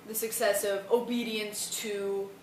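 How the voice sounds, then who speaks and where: This student vlogger, a young woman, wanders through a laid-back, colloquial explanation and sounds worn out. She speaks a little slowly in a mid-range voice with little pitch movement, picked up by a distant mic in a roomy room with faint noise.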